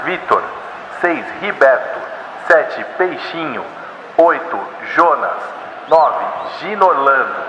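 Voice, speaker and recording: Stadium announcer acted by a man, high male voice, clipped formal lineup calls, muffled sound. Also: echoey room, in a large hall. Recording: muffled lo-fi, noisy stadium ambience.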